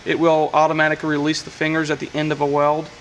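A welding technician talks fast in a completely flat voice of fairly high pitch, walking through a machine's control panel matter-of-factly with frequent fillers. The hands-on workshop demo is recorded on a camera mic with poor audio and a little hiss or hum.

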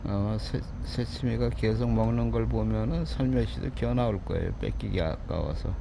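A man's voice: normal speed, gravelly. Man cooing to street cats outdoors. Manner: coos to the cats in a raised, sing-song baby-talk voice; quiet, low asides when narrating to the camera. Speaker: street cat caretaker. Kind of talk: casual vlog narration while feeding cats. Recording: outdoor street noise with passing traffic.

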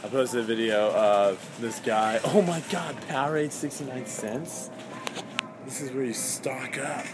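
A young male vlogger with a medium-pitched voice talks at a measured pace, music in the background, as he runs errands, first in the car and then a grocery store. He rambles chattily and exclaims often, easily getting sidetracked. He uses a handheld camera he sets down, and ambient and vehicle noise come through clearly.

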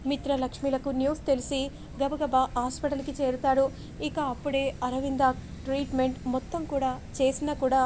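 A woman narrating a television serial recap in a steady, storytelling manner. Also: sits high, a little hiss or hum.

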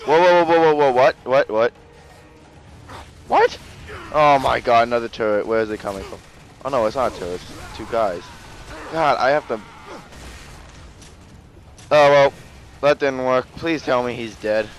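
A man giving casual gameplay commentary, excitable and jokey, with frequent exclamations and swearing. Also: mid-range voice, normal speed, pauses often, soft background music, rough recording. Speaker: gamer narrating a let's play.

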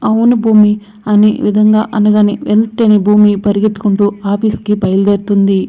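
A woman's voice: mid-range voice, completely flat delivery, moderate pace, narrow, tinny audio. A woman narrating the plot of a TV serial episode in a storytelling manner.

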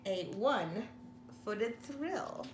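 This time the middle-aged woman's voice sits on the high side, moving very slowly with lively intonation as she reads a picture book aloud to small children in an expressive, teacherly way. A camera or phone a short distance away records her indoors in a living room, in roomy sound with faint noise.

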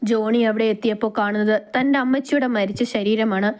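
A woman with a Malayali accent tells a romance story aloud, reading it dramatically and voicing each character herself. Her voice sits somewhat high for a woman. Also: steady tone, fairly quick.

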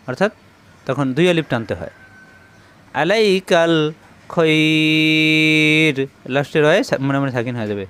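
A man teaching Quran reading, spelling Arabic letters out one syllable at a time with slow, patient drilling. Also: fairly high pitch, clean tone.

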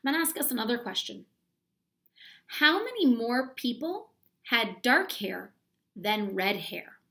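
In an unhurried, very animated way, a woman with a fairly high, fairly bright voice reads aloud to children. She's an elementary school teacher explaining step by step and quizzing them in an instructional read-aloud, indoors in a small room at home.

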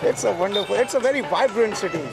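A man working as a tour guide, describing a city in slow, flowery, poetic phrases. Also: high voice, expressive, creaky, over music.

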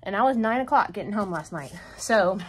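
A woman's voice: medium pitch, lively intonation, a little fast, slightly rough. A woman in a casual shopping haul vlog, chatting through her purchases and adding up prices and savings. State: out of breath. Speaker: vlogger.

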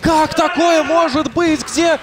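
A man working as a wrestling co-commentator, adding excited, emphatic and dramatic remarks on the live action. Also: extremely high pitch, takes it slowly. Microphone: headset. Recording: loud music and crowd behind.

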